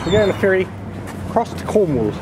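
Chatty dad filming on a windy coast. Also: male voice, high-pitched, big pitch swings, quick pace. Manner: chatty, explaining things to his kids as he walks. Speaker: father filming a family outing. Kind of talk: casual vlog narration. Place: outdoors on the coast. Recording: loud outdoor noise.

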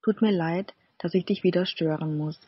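Brief: a timid, henpecked fisherman in a fairy-tale storybook, read by a woman; hesitant, husky. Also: fairly low pitch, steady tone, moderate pace, no echo. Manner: hesitant, apologetic. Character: timid poor old fisherman, meek. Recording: slightly dull, dry recording.

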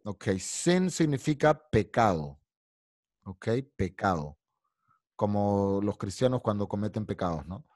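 A man's voice: lowish voice, very animated, measured pace, a little mellow, dry recording. Male English teacher, online class, patient explaining, dry close sound.

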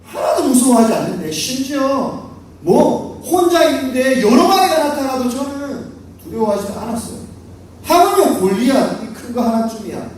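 A man's voice: very high-pitched, big pitch swings, moderate pace, a little mellow. A man voicing a brave young shepherd boy who speaks earnestly and eagerly. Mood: confident. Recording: echoey hall from far off.

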